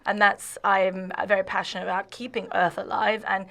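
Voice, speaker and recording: A woman's voice: medium pitch, flat delivery, normal speed, creaky, fairly bright tone. A woman, a podcast guest talking casually, laughing easily and restarting her sentences often. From Australia. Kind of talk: casual conversation.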